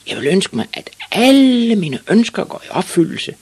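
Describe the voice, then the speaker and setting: A man voicing an eager, excitable young boy in a storybook reading, with a husky, gravelly edge. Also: mid-range voice, pitched above the performer's own voice. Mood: excited.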